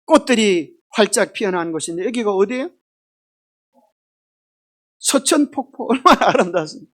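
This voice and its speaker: A woman teaching a children's Bible lesson, lively and asking the children questions. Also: mid-range voice, moderate pace. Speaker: children's Sabbath school teacher.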